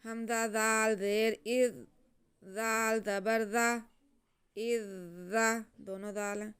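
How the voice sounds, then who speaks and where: A woman teaching Quran reading, chanting letters and syllables slowly, then explaining the rules in quick soft asides. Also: fairly high pitch, flat delivery, smooth.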